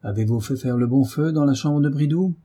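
For an audiobook, a man takes on the role of a brutish, hot-tempered middle-aged landowner, furious, blustering, cursing and shouting. His mid-range voice is fairly quick and pitched above his own natural voice, though still close to an everyday one.

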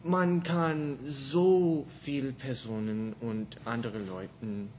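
Young american guy practicing german, strong learner feel, american accent, really slow and halting, bit of noise. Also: medium pitch, fairly even intonation, darkish tone. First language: English. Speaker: language student being interviewed. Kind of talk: conversational language-practice interview.

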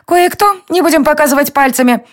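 A woman voicing a tiny bossy female fairy with a squeaky, mock-lecturing voice in a storybook reading. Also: a little fast, natural voice. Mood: teasing.

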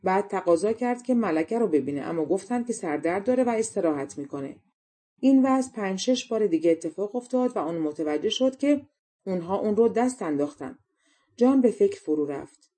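A woman narrating a fairy tale audiobook in a calm, even storytelling manner. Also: medium pitch.

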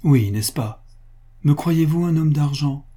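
A loyal old-fashioned bookkeeper insists on his honesty to his master, voiced by a man reading a storybook. He sounds earnest and devoted, with a mellow, slightly husky tone. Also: fairly high pitch, takes it slowly, voice pushed up.

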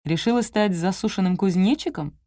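A woman's voice: mid-range voice, fairly quick, dark tone, no echo, studio quality, natural voice. A woman reading the lines of a teasing, easygoing male friend and colleague in an audiobook.

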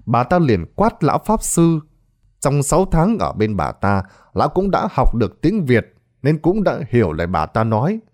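Lively male ghost story narrator. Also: medium pitch, moderate pace. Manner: theatrical, lively delivery. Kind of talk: dramatic storytelling.

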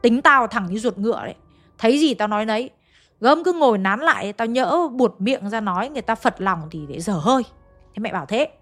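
A woman narrates a ghost story in a chatty, conversational way, often asking her listeners questions. Her voice sits slightly high, with soft music playing faintly underneath. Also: animated, brisk. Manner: chatty, addresses listeners directly.

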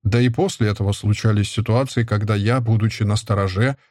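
A man narrating a first-person audiobook in a measured, even manner. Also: lowish voice, dry recording, studio quality.

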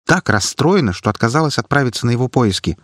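A man's voice: mid-range voice, expressive, fast, no echo, clean studio sound, pitched above the performer's own voice, natural voice. A man voicing Irina, a proud, fierce young noblewoman who speaks curtly and defiantly. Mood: bitter. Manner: curt, defiant.

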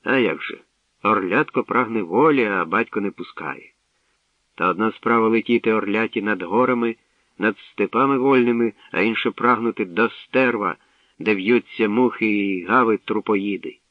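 A man's voice: fairly low pitch, normal speed, no room sound, close to an everyday voice. A man voicing an elderly shepherd and anxious father who grumbles and frets, in a tinny, distant radio recording. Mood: worried. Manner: fretful, grumbling.

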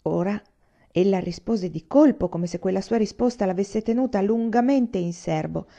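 A woman narrates a novel in a measured, even reading voice. Her tone is gravelly and dark, with a mellow weight. The recording sounds a bit dull and lo-fi. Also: mid-range voice. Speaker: audiobook reader. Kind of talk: literary narration read aloud.

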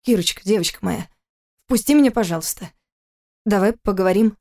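A woman's voice: medium pitch, fairly quick, dark tone, close to an everyday voice. A woman reading an audiobook voices a young husband in her own plain, questioning voice. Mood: tender. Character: young husband, tender then demanding.

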